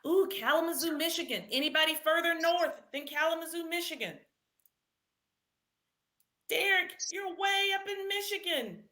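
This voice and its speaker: A woman hosting a live children's read-aloud quiz speaks in a very high pitch at a moderate pace. She sounds animated and encouraging, calling to participants and repeating each question.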